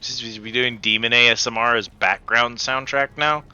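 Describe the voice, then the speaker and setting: A man commentates casually on a video game he is playing, with a very bright, forceful edge to his voice. He talks in slangy, profane, joking bursts. Faint game music runs behind him. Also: mid-range voice, steady tone, moderate pace, smooth, highs cut off. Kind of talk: casual let's-play commentary.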